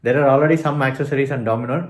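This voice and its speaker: A man's voice: mid-range voice, fairly even intonation, racing, no room sound. A man with a South Indian accent chatting casually as a motovlogger, in an informal way that often repeats words and phrases. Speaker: motovlogger and channel host. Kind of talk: casual vlog chat. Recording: noisy outdoor motorcycle and traffic sound. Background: motorcycle, vehicles and city ambience.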